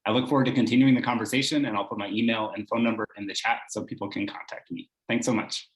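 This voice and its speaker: Man candidate, earnest steady campaign pitch, lowish voice, echoey room on a call. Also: quick pace.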